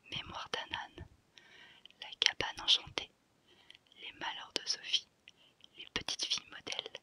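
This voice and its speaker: A woman whispering softly in a hushed, breathy library whisper, reading out a list in an ASMR style and repeating phrases. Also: no room sound.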